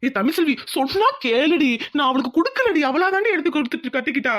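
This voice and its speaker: A woman's voice: high-pitched, expressive, fast, a bit bright. A woman voicing a young village husband who pleads earnestly with his wife and coaxes her. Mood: pleading. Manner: pleading, coaxing.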